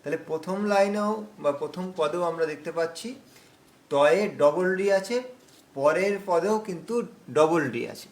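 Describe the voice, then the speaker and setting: Over a video call, a man teaches an online recitation class, patiently explaining slowly and drawing out words as he recites. His voice is fairly high in pitch.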